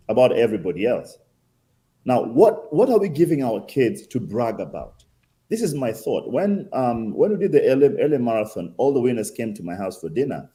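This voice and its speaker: A man's voice: medium pitch, dark tone. A man with a Kenyan accent answering interview questions conversationally, emphatic, with rhetorical questions and repetition. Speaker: interview guest, consul general.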